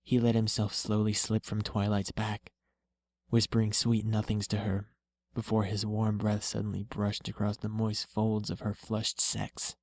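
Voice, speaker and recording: A man reading a story aloud in a slow, steady, low-key way. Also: no echo. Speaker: reader.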